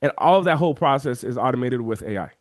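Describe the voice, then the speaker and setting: A man talking as an interview guest, walking through software on a shared screen and acting out the voices of chat viewers. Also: mid-range voice, fast talker, no echo, clean studio sound. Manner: animated, acts out quoted chat voices. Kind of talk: energetic screen-share walkthrough.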